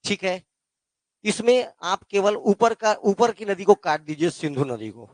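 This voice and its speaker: A man's voice: high-pitched, very animated, a little slow, a little mellow, no room sound. A male teacher with a Chhattisgarh Hindi accent, giving a classroom geography lesson and quizzing his students with call-and-response questions. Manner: addresses students as "beta".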